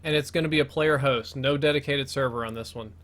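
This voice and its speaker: A man's voice: mid-range voice, quick pace, a bit bright. An American man with a mid-range voice hosts a gaming video. He talks casually as he comments live, and his braces make his S sounds slip slightly. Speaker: host of gaming connection-test video.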